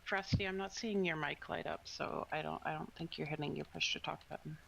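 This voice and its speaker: Gravelly man over group voice chat. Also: fairly high pitch, fairly even intonation, brisk, bright, forceful tone, a little hiss or hum, low-quality recording. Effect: heard over group voice chat. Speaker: raid group member. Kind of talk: casual gaming voice chat.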